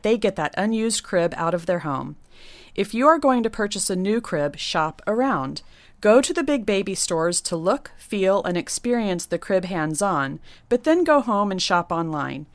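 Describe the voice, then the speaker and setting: A woman's voice: medium pitch, animated, normal speed, no room sound. A woman nursery designer reading an upbeat scripted money-saving tips segment.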